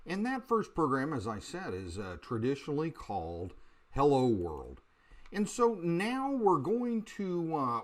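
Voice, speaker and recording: A man teaching a beginner programming lesson over a screen recording, talking in a halting way with many fillers and restarts. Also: medium pitch.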